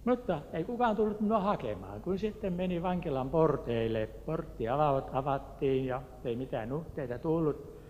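A man's voice: on the high side, lively intonation, dull audio, slight background noise. Older man telling a story in an echoing hall. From Turku, Finland. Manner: earnest, with hesitations and acted quotes. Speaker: speaker giving a faith testimony. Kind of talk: personal storytelling.

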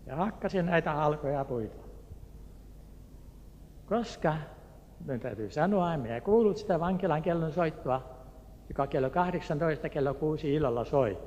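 A man's voice: on the high side, expressive, pauses often, a little mellow, long reverb tail, highs cut off, a little hiss or hum. An older man from Turku, Finland, telling a personal faith story in an earnest way, with hesitations. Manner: earnest, with hesitations and acted quotes. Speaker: speaker giving a faith testimony.

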